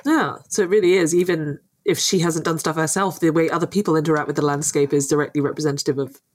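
A woman co-hosts a podcast and asks curious questions, working through her ideas out loud. Her voice sits a little low for a woman, and her talk is relaxed and casual. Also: fast. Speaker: podcast co-host. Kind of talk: casual chat.

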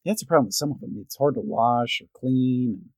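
A man's voice: medium pitch, lively intonation, no room sound. A man co-hosting a podcast, chatting casually and often asking questions and cracking jokes. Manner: chatty, quick to ask questions and joke. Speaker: podcast co-host. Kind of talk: casual chat.

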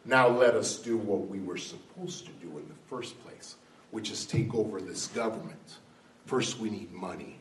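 A man voicing scheming male government officials, gloating in a low hushed tone, recorded from far off in a roomy hall. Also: normal speed, slight background noise, natural voice. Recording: roomy hall, far-off mic, faint ambience.

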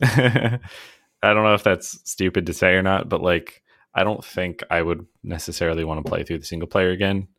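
A man with a very deep, low voice, talking in a relaxed podcast chat. He rambles good-naturedly, pokes fun at himself and breaks into laughter often. The sound is close and dry, with no room echo. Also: normal speed. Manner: chatty and self-deprecating, often laughing. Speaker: podcast co-host. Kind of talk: casual chat.

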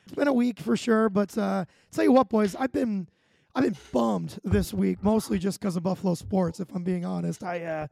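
A man's voice: high-pitched, moderate pace, creaky, darkish tone. A man hosting a podcast in a chatty, rambling, self-deprecating way. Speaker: podcast host. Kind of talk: casual podcast chat.

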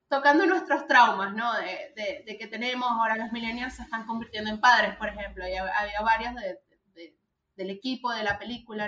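A bright, high-voiced woman in her thirties talks about a film in an animated, chatty way, full of fillers. Her voice rings out in an echoey room. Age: 30s. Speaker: podcast co-host. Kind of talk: casual film review chat.

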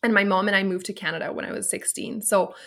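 A woman in her late thirties, originally from Romania, talks as a guest on a podcast. She tells her story in an open, reflective way, with a voice of middling pitch. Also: steady tone, fast talker, fairly bright tone. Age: 30s. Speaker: personal stylist, podcast guest. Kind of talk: casual interview chat.

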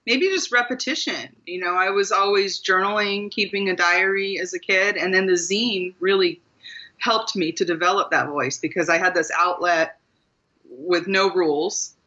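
A guest author from Maryland, USA, reflects earnestly on how she came to writing during an interview, laughing softly and restarting her sentences. Her voice sits on the low side, bright and forceful. The recording is muffled.

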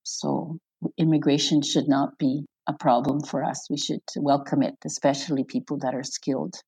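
A woman's voice: low-pitched, fairly even intonation, moderate pace, slightly rough. A middle-aged woman from Croatia, a guest in an interview, talking casually and laughing often. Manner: chatty, warm-hearted, laughs often, restarts sentences. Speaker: interview guest, elected official.

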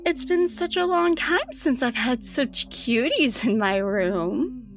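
A woman's voice: high-pitched, expressive, faint music behind, voice pushed up, exaggerated voice. A woman putting on a purring seductive temptress. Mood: teasing. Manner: purring, teasing, drawn-out. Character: seductive red-eyed female temptress.

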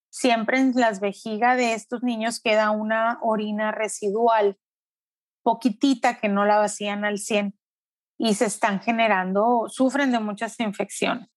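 Brief: middle-aged mother, interviewee, fairly high voice, dry close mic, earnest and reflective. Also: dry recording. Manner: reflective, earnest, often slows down. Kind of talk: emotional personal testimony.

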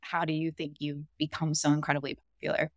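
A woman's voice: low voice, completely flat delivery, fast talker, no room sound, studio quality. A woman hosting a casual podcast interview in a supportive, complimentary, conversational manner.

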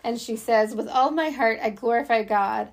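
A woman co-hosting a casual faith chat, quick to agree and laugh along. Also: a little high. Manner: warm affirming listener, giggly. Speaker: co-host.

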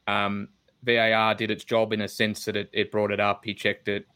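Male co-host, low and monotone, measured match analysis. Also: clean tone. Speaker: podcast co-host. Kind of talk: casual football chat.

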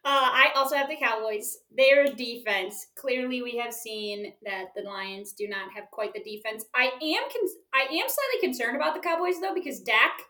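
A woman with a bright, fairly high voice co-hosting a casual football podcast. She talks through her picks in an upbeat, chatty way. The sound carries a noticeable room echo. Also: moderate pace, few pauses. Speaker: podcast co-host. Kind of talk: casual sports chat. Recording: echoey room.

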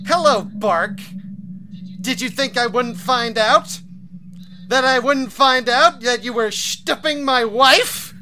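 A man's voice: extremely high pitch, slow pace, bright, forceful tone, slight background noise, voice pushed up, heavily acted. A man voicing a smug, pompous trillionaire who speaks grandly. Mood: menacing.

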